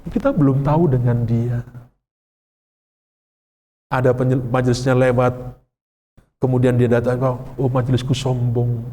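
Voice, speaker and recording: A man with an Indonesian accent preaches a sermon in a conversational, questioning way and keeps checking in with his congregation. His voice sits in a mid register, neither high nor low. It is recorded in a church sanctuary, and the hall gives it a long reverb. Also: warm tone. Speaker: pastor.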